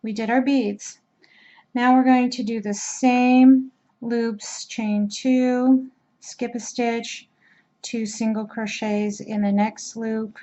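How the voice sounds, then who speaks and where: Woman walking thru crochet steps real slow, soft mellow voice, kinda dull lo-fi sound. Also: fairly high pitch, fairly even intonation. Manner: talks slowly while working, self-deprecating asides. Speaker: crochet instructor. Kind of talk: step-by-step craft tutorial.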